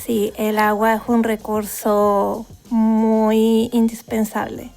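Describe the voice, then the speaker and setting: Casting: young Venezuelan woman researcher, hesitant and filler-heavy, voice a touch high, soft music under the talk. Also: completely flat delivery, slow, vocal fry. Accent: Venezuelan Spanish. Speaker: guest researcher. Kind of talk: podcast interview.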